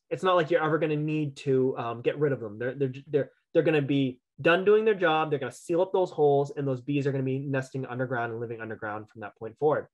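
A young adult man, a county entomologist, gives a casual gardening lecture online over a video call, picked up by his webcam microphone. His voice is on the high side, and his chatty delivery is full of restarts and "right?" tags.

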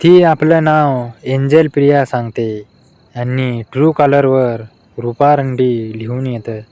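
A man reading out a string of short adult jokes in a flat delivery. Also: medium pitch, slow, very noisy. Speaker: joke narrator.

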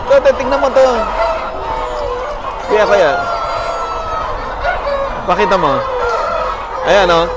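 A man hosts a tour of a poultry farm, asking questions in a high voice at an unhurried pace. He is eager and exclaims often at what he sees. He talks into a lapel mic, and heavy clucking and farm noise come from behind him. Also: expressive, over a noisy crowd. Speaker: host. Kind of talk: casual interview on a farm tour. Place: large indoor poultry house, chickens clucking.

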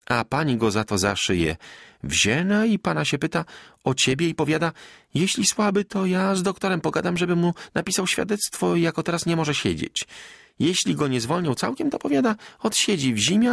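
A man's voice: fairly high pitch, gravelly, a bit bright, no echo, studio quality, voice pushed up, heavily acted. A male narrator voicing Magda, a breathless middle-aged village wife who gushes in rustic country talk. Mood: eager.

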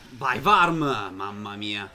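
A young man runs a gaming channel and talks through a dark fantasy game in a relaxed, chatty style, addressing viewers and in-game characters alike. His lowish voice is bright, forward and slow, jumping into sudden excited shouts in tense fights, with slight background noise in the clip.

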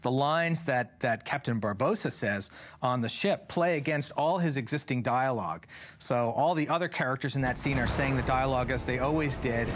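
A man in his fifties speaking in a documentary interview as an attraction writer. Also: medium pitch. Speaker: theme park attraction writer. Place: indoor interview set. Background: background music.

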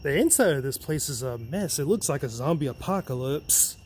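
A man's voice: medium pitch, expressive, normal speed, a little mellow, a little hiss or hum. A man vlogging as he explores an abandoned hospital, muttering casually to himself and swearing now and then. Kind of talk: exploring narration to camera.

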